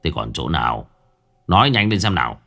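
A man's voice: sits low, wildly swooping pitch, moderate pace, loud music behind the voice. A man voicing a hot-tempered village father, barking and scolding in coarse words. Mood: angry scolding.

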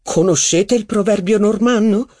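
A man's voice: sits high, normal speed, warm tone, pitched above the performer's own voice. A reader voicing a foreign nobleman who gossips with wry irony.

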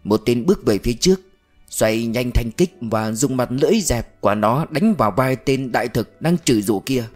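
A man reads a mystery novel aloud in calm, steady narration. His voice sits at an ordinary middle pitch. Faint music plays quietly behind him. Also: normal speed. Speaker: audiobook narrator.

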